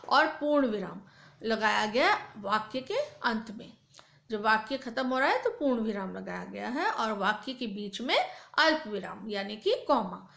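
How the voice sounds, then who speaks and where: A woman's voice: a little high, a bit bright, reverberant. A woman teacher explaining a lesson to children in a patient, repetitive way. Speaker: school teacher.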